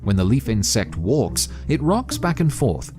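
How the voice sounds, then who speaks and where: A man's voice: mid-range voice, wildly swooping pitch, unhurried. A man narrating a scripted nature documentary as a voice-over. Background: prominent background music.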